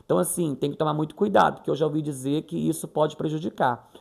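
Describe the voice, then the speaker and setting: A man's voice: fairly high pitch, fast, vocal fry, a little mellow. A man from Brazil chatting casually in a vlog, retelling a conversation and acting out the quoted voices. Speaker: vlogger.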